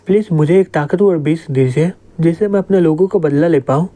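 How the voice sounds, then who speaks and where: An earnest young woman warrior, the last of her tribe and bent on revenge, read by a man. The voice is a bit high and mellow. The delivery stays plain. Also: fairly quick, natural voice. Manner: earnest, pleading. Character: vengeful lone surviving young woman warrior.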